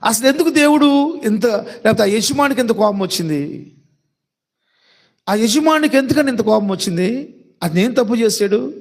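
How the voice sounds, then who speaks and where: High-voiced man preaching with rhetorical questions. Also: lively intonation, normal speed, pauses often. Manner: asks repeated rhetorical questions; addresses listeners directly and fondly. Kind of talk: sermon.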